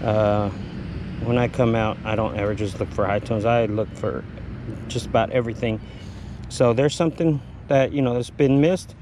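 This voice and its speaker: Out in a humid field, a man from Texas casually narrates while digging on a metal detecting hunt, breathing heavily and filling his rambling with filler words. His voice is on the low side at normal speed, against a noisy background.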